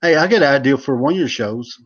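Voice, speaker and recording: A man's voice: medium pitch, animated, fast talker. Rambling, laughing man on a lo-fi call. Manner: rambling storyteller, laughs a lot. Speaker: former pro wrestler and manager, guest. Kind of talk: casual joking chat on a live stream. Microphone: video call.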